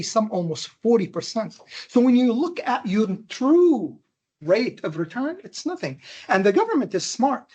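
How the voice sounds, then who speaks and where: A man from Jordan with a Jordanian accent giving a classroom lecture, animated and emphatic, firing questions at his students. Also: high voice, slightly rough. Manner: animated, emphatic, quizzing the audience with rhetorical questions. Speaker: university lecturer.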